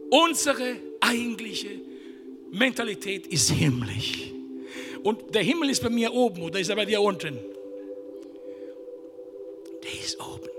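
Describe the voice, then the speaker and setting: A man preaching a sermon as pastor of his church, emphatic, swinging from shouted lines down to hushed whispers. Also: high-pitched. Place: church service. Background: music.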